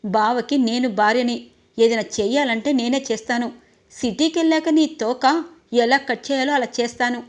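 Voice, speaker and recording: An arrogant, jealous young woman who orders her rival about with bossy threats, as a woman storyteller puts her on. Her voice is fairly high. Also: steady tone, moderate pace, natural voice.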